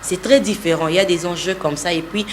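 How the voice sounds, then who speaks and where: A woman's voice: fairly low pitch, quick pace, slight background noise. A woman, a voice-over artist, explaining her craft steadily and confidently in an interview. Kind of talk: interview conversation.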